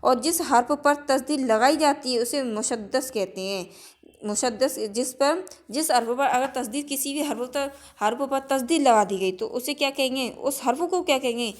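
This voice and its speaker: A woman with a slightly high voice teaches an exam-prep lesson. She states each rule, repeats it, then quizzes it back before running through lists of example words. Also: moderate pace. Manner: drills with example words in a list.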